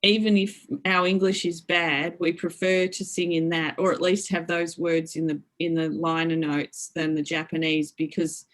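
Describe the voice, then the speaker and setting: Speaking at normal speed with hardly any pauses and little pitch movement, a lowish-voiced middle-aged woman is heard on a low-quality recording. She's a media lecturer interviewed in an academic talk, thoughtfully working through ideas with many fillers, restarts and hedges.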